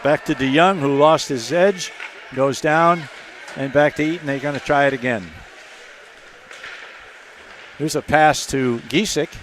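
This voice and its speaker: A man giving hockey play-by-play commentary, keeping a steady call that jumps to shouts on shots and goals. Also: on the high side, unhurried, long pauses, slight background noise. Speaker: play-by-play announcer.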